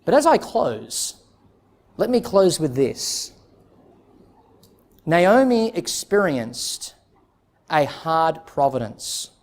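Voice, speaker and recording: A man's voice: fairly high pitch, big pitch swings, extremely slow, pauses often. A man preaching an expository sermon as a pastor, earnest and emphatic, putting direct questions to his listeners.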